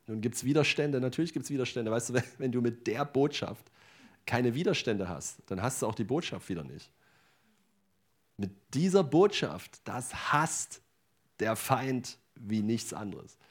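A man preaching a sermon with passion, laughing often and swinging between loud emphasis and quiet, slow stretches. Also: medium pitch, breathy edge.

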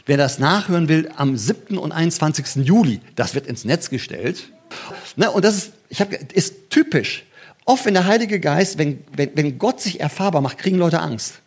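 Chatty husky-voiced man preaching. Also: normal speed. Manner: conversational, frequent "ne?" asides and restarts; lively, pitch jumps when stressing points. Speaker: pastor. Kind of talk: sermon.

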